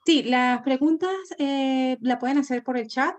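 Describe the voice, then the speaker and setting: A woman's voice: high voice, fairly even intonation, a little slow. A woman hosting and moderating an online academic event, courteous and formal, with some filler hesitations. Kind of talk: formal welcome and moderation over a video call.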